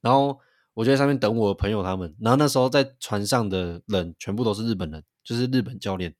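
A man, co-hosting a podcast and telling a story in an animated way, with frequent restarts. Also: on the low side, fast, dry recording, clean studio sound. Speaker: podcast co-host. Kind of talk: casual chat.

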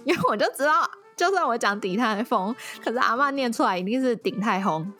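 A young woman with a Taiwanese Mandarin accent, co-hosting a podcast, telling a story in a lively way and often laughing. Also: a little high, quick pace, faint music behind. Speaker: podcast co-host. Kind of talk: casual chat.

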